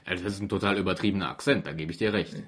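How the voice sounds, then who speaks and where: A man's voice: low voice, rapid-fire, a bit bright, husky. A man co-hosting a casual podcast chat, eager and given to stumbling repeats. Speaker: podcast co-host. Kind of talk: casual chat reviewing a radio play.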